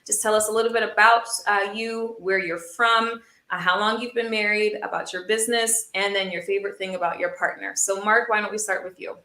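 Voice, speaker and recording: Bright, effusive woman host, echoey room. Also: mid-range voice, fairly even intonation, a little fast, few pauses. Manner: warm, effusive, laughs often. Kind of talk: casual interview chat.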